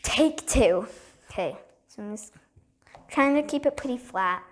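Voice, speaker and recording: A woman's voice: on the high side, lively intonation, a little slow. A bubbly, chatty woman hosting a casual slime vlog at a table at home, with frequent ums. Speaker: slime video host. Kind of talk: casual show-and-tell vlog.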